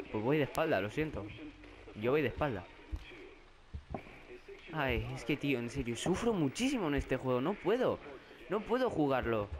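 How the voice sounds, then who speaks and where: A young man from Spain with a Spanish accent, narrating a horror game and getting jumpy, swearing and crying out in fright. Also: mid-range voice. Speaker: gaming YouTuber. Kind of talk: horror game let's play commentary. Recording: faint background noise.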